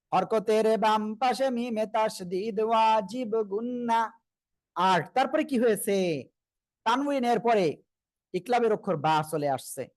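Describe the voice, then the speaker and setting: Quran teacher, man, Bangladeshi Bengali accent, higher voice, patient, drills letters with students. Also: no room sound. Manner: patient, repeats letters slowly and asks students to repeat. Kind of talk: live online Quran reading class.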